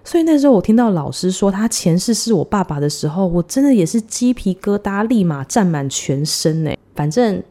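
A woman in her thirties, a podcast host, telling a personal story in a chatty, giggly way with drawn-out dramatic pauses. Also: mid-range voice, sing-song, dark tone.

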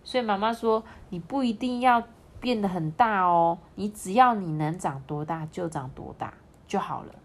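A woman reading a picture book aloud to a child, lively and chatting with her listener along the way. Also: medium pitch, normal speed. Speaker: storyteller.

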